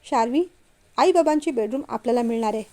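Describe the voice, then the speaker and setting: A woman's voice: a little high, fast, mellow, natural voice. A woman voicing a sulky, childish young man who pleads and whines to his father in a storybook reading. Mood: earnest. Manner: pleading, whiny.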